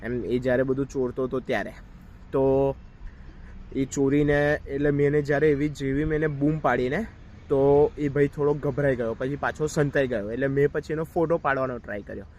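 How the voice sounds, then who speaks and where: A man's voice: medium pitch, fairly even intonation, a little fast, darkish tone, highs cut off, slight background noise. A man telling a story in a casual vlog, talking straight to his viewers while outdoors in a park. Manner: chatty, addresses viewers directly. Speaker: vlogger.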